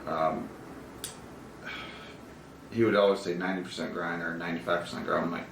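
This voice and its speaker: A man's voice: sits low, flat delivery, a little fast, a bit bright. A man, an actor, chatting as a podcast guest in a laid-back, rambling way, laughing often. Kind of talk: casual interview chat. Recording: roomy, distant mic with faint hiss.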